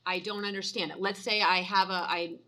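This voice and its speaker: Bright-voiced woman councilor asking questions. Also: medium pitch, fairly even intonation, fairly quick. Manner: probing, restarts and many "like" fillers. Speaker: city councilor. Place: city council chamber.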